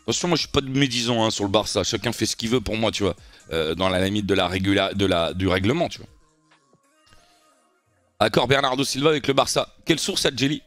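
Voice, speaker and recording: Animated young man chatting to his stream. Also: lowish voice, fast, dry recording, soft background music. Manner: animated, keeps addressing his viewers as guys. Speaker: streamer reacting to football news. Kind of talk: casual live-stream chat.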